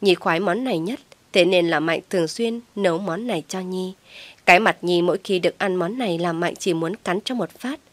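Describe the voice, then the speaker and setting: A woman narrating a dramatic story in a steady, even read. Her voice sits on the low side, and the recording is dry and close, with no room around it. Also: a little fast, no echo. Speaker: audiobook narrator.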